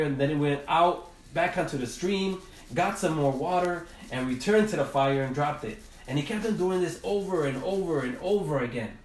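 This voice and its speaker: A man teaching a drawing class, telling a storybook tale in a gentle, halting way while he draws. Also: on the high side. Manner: gentle, halting, with many restarts. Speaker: art teacher. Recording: roomy, from a distance.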